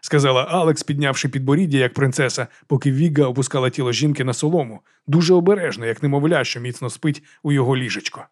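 A male audiobook narrator telling a violent fantasy tale at a brisk, driving clip. His voice sits in an ordinary middle register and the storytelling stays vivid and dramatic. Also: mid-range voice.

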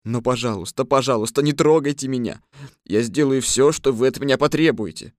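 A woman voicing a small, fearful old man posing as a wizard, talking in a soft, trembling voice. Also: very deep voice, expressive, brisk, dry recording, studio quality, pitched below the performer's own voice. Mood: meek, soft.

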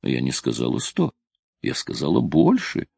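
A man's voice: a bass voice, huge pitch swings, normal speed, creaky, darkish tone, husky, no room sound, pitched below the performer's own voice, full character voice. A man reading an audiobook, voicing a coy, stubborn young woman. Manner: hesitant, teasing.

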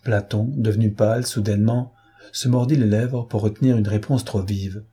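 Husky low-voiced male narrator. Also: fairly even intonation, moderate pace, warm tone. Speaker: audiobook narrator. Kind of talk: scripted narration of a novel.

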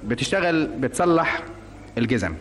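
A man's voice: medium pitch, expressive, moderate pace. A man with an Egyptian accent hosting a radio interview, patiently repeating and coaxing his questions. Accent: Egyptian Arabic. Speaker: radio host. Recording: old radio broadcast, reverberant and slightly noisy.

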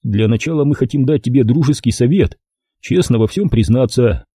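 A man doing a gruff, mocking detective in an audiobook, low and unhurried, with cool menace in every word. The voice is dark and husky, recorded close and dry. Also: no room sound, natural voice. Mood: menacing. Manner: slow, menacing, sarcastic. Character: gruff tough male ex-investigator detective, mocking.

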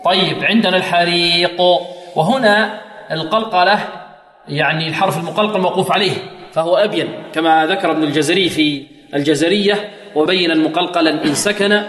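A man teaching Quran recitation rules, quizzing his students with questions and chanting verses slowly to demonstrate. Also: fairly high pitch, a bit bright. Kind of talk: tajweed lesson with chanted recitation. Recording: echoey hall.

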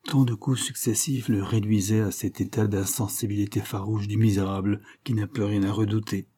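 Audiobook narrator, man, husky and mellow, measured reading. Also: lowish voice, level tone. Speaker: audiobook reader. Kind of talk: scripted narration of a classic novel.

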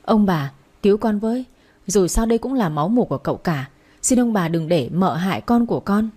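A woman's voice: mid-range voice, lively intonation, a little fast, mellow, slightly rough. A woman voicing a tearful, pleading young pregnant servant who whines and begs. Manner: whiny and pleading. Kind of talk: storybook character voice.

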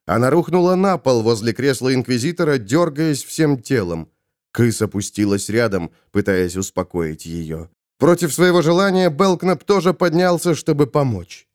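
A man narrating an audiobook in a dramatic, expressive way. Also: medium pitch, moderate pace, no echo, clean studio sound.

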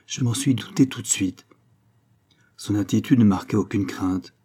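A man reading a short story aloud as an audiobook narrator, in steady, measured scripted narration. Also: fairly low pitch, breathy edge. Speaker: audiobook reader.

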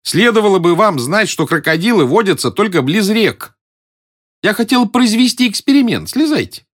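A man voicing a calm, teasing young African woman in an audiobook reading, with a cool, unbothered manner. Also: sits high, moderate pace, voice pushed up. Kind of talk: audiobook character voice.

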